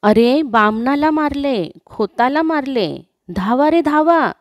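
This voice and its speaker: A woman's voice: medium pitch, sing-song, a little slow, darkish tone, dry recording, clean studio sound. A woman reading as a worried old village woman. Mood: alarmed.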